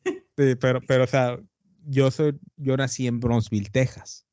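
A podcast host from Tamaulipas in northern Mexico chats casually in a mellow, medium-pitched voice at normal speed. He rambles animatedly in slang and sprinkles his lines with "güey". There is no echo.

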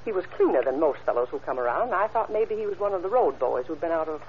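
Speaking fast in a low, expressive voice, an actress portrays an observant, obliging witness who testifies carefully and helpfully in a matter-of-fact way. It is an old-time radio crime drama, muffled and hissing in the background.

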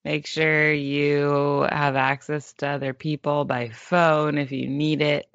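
Slow, low-voiced joking woman. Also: flat delivery, no room sound, lo-fi sound. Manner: playful, giggly, improvising a mock guided meditation. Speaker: podcast co-host. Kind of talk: casual chat.

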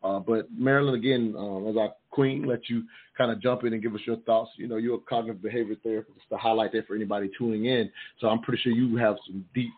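Male talk show host, slightly husky. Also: lowish voice, fast. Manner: relaxed, friendly, affirming. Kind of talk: call-in radio talk. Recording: tinny phone-like audio.

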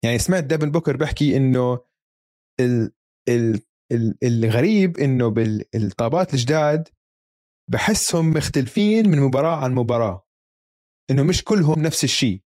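Guy w palestinian/jordanian levantine accent, casual sports chat, super quick, close dry sound. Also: mid-range voice, lively intonation, darkish tone, no room sound. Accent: Palestinian-Jordanian Levantine Arabic.

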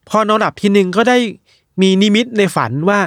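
A man's voice: high-pitched, brisk, dry recording, studio quality. A man casually retelling strange news stories to friends, acting out the people in them. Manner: animated retelling with quoted voices. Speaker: storyteller of odd news. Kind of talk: casual chat.

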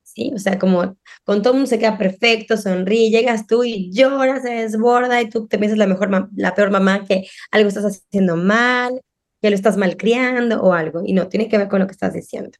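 A woman's voice: mid-range voice, normal speed. A middle-aged woman, a parenting guest on a podcast, speaking in casual conversation and acting out the voices of parents and children. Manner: animated, acts out quoted parents and children.

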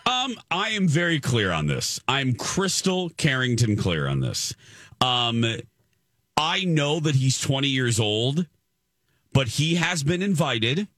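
A man co-hosting a radio call-in show, giving firm opinions in a casual, animated way. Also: medium pitch, slow, no room sound, clean studio sound. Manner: animated, opinionated, many restarts. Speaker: radio co-host.

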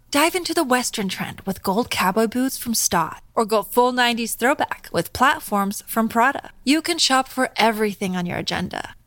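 A woman voices a shopping advertisement with a polished, upbeat delivery. Her voice sits a little high and the recording is dry and close. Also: fairly bright tone, no room sound. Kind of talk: ad read.

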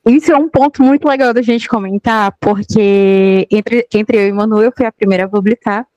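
A woman's voice: mid-range voice, moderate pace, a little mellow, dry recording, highs cut off. A woman with a Brazilian accent, co-hosting a podcast and chatting casually with a joking tone. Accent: Brazilian Portuguese. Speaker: podcast co-host. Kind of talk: casual chat.

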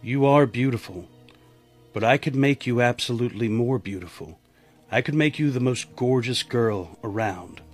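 A man voicing a tempting male demon in a mirror, with a low, raspy, hushed voice. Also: moderate pace, soft background music, lightly acted.

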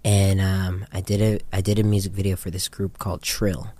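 An American man from Japan, interviewed as a music video director and photographer, speaks in a low, warm voice with a level tone and moderate pace. He talks casually and candidly, telling anecdotes packed with slang.

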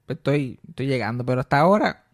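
Gravelly Puerto Rican man chatting. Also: mid-range voice, quick pace. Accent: Puerto Rican Spanish. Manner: animated storytelling, mixes in English, swears freely. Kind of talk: casual chat.

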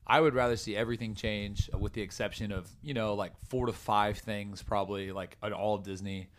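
Young man, low voice, casual podcast chat, opinionated, laughs easily. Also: steady tone, brisk, a little hiss or hum. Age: 20s. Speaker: podcast co-host. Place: room in his house.

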